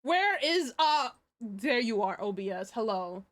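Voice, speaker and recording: A woman's voice: on the high side, big pitch swings, measured pace, a bit bright. A young woman chatting casually on a livestream in a hyper, giggly, scattered way, often repeating herself.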